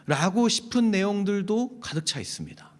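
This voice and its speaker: A middle-aged male pastor delivering a Sunday sermon in a fairly high voice. He speaks to his congregation in a direct, conversational way. His delivery swings from soft, breathy asides to loud, emphatic peaks. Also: animated, moderate pace. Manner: swings between hushed, near-whispered asides and raised, emphatic peaks.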